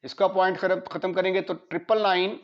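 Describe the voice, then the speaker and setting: A man with a Pakistani accent teaching maths in a classroom lecture, mixing Hindi-Urdu with English terms and asking students quick checks. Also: high voice, fairly even intonation. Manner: asks students rhetorical checks. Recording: dull lo-fi lecture audio.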